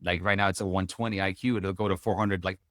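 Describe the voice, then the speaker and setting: A man's voice: low voice, steady tone, quick pace, a bit bright, dry recording, clean studio sound. A man hosting a podcast, asking friendly, chatty questions and rambling through his own thoughts. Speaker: podcast host. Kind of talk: casual podcast interview.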